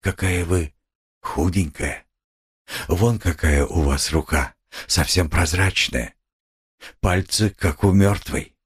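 A man's voice: deep voice, slow, pauses often, breathy edge, heavily acted. A man playing a brooding, gloomy young man who speaks curtly. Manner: curt, gloomy, softening at times.

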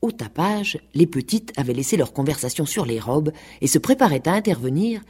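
Expressive woman narrating a radio tale. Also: low-pitched, fairly quick, slightly rough. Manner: expressive storytelling.

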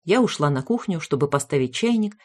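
A woman's voice: deep voice, lively intonation, fairly quick. Woman reading a wry comic story. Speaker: audiobook reader. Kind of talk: first-person narration of a comic story.

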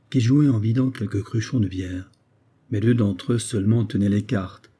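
Man, audiobook narration, measured, very dark tone, husky. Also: fairly low pitch. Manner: measured, even storytelling. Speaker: audiobook reader.

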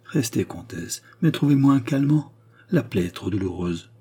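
A man's voice: mid-range voice, expressive, moderate pace, dark tone, breathy edge. A man reading an audiobook voices a lovesick cardinal who pleads in a desperate, emotional way. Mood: pleading.

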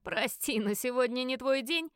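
A woman's voice: high voice, moderate pace, fairly bright tone, clear, resonant tone, no echo, studio quality. A woman reading as a scrawny, ratlike card cheat who talks with open scorn. It comes from a storybook read aloud. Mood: scornful.

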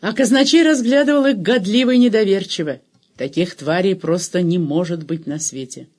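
A high-pitched man reads a novel aloud. His narration is steady and measured, with a careful literary tone. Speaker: audiobook narrator. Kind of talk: scripted narration.

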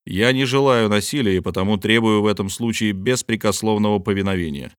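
A man's voice: fairly low pitch, clear, resonant tone, no room sound, clean studio sound, natural voice. A man voicing a stern, proud submarine captain who speaks coldly and with authority. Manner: cold, measured and authoritative. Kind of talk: audiobook character reading.

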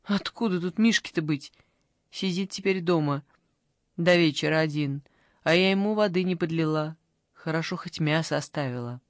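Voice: moderate pace, dry recording, studio quality, lightly acted. A reader voicing a fussy, clingy old grandmother in an audiobook, pleading and fussing in a raised voice. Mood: grumbling. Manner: pleading, fussing, high-pitched outbursts.

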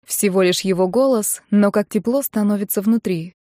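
Calm woman narrating an audiobook. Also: mid-range voice, normal speed, dry recording, clean studio sound. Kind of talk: first-person audiobook narration.

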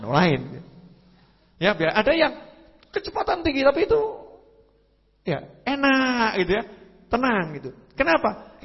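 Lively preacher with a husky voice. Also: male voice. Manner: animated storytelling with sudden pitch leaps and sound effects. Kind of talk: religious lecture. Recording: lo-fi hall recording with long reverb.

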